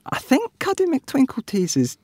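A man voicing a kindly father pig from a children's storybook, expressive, with a broad Scottish accent. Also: very high voice, moderate pace, no echo, studio quality, voice pushed up, exaggerated voice.

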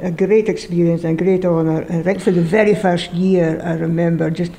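A woman's voice: on the low side, steady tone, brisk, dark tone. A woman with a broad Scottish accent hosting a casual radio interview in a chatty, self-deprecating way. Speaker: radio show host.

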